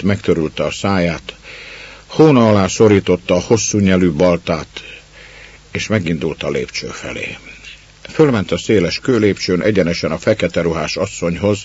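Brief: calm male story narrator, low and husky, dull lo-fi recording. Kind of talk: storybook reading.

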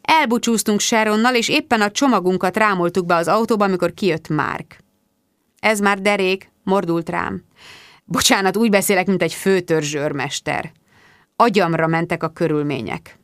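A woman narrates a first-person audiobook, lively and wry, moving quickly through the scripted story. Her pitch is an ordinary middle, and the recording is close and dry with no room sound or echo.

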